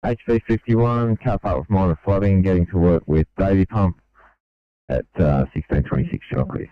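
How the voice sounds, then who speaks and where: A low-voiced man speaks over a two-way radio as an emergency dispatcher. He reads back each message slowly and evenly in clipped radio procedure. The transmission sounds dull and lo-fi. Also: no room sound. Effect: heard over a two-way radio.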